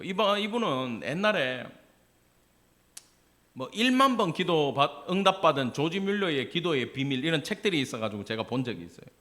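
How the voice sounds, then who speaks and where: A man's voice: medium pitch, fairly bright tone. A male pastor with a Gyeongsang accent preaching a sermon in a church, talking conversationally and putting questions to the congregation. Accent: Gyeongsang Korean. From Gyeongsang province, Korea. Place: church sanctuary.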